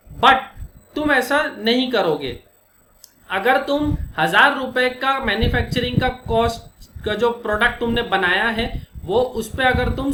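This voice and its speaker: A man teaching an accounting lesson, walking through each step with questions to his students and slowing down to dictate formulas. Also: very high voice, pushed and bright. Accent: Indian. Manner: explains step by step with rhetorical questions. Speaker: commerce teacher. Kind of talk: classroom lecture. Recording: echoey room, faint noise.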